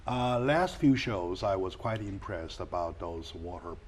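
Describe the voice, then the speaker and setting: Male host, low voice, halting, filler-heavy, faint hiss. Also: lively intonation. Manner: halting, many fillers and restarts. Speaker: talk show host. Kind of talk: casual interview.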